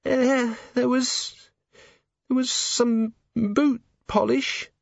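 A timid young maid, as a male reader puts her on, her voice pitched far above his own and full of stammers and humble "sir"s. The sound is dull and dry, close to the mic. She speaks in plain servant's phrasing. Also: steady tone, drawn-out words, gravelly, no room sound, exaggerated voice. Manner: stammering, deferential, lower-class speech.

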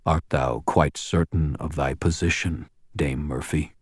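A man voicing a huge horned fae creature who rumbles in stiff, archaic formal speech. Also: steady tone, unhurried, slightly rough, dry recording, studio quality, full character voice.

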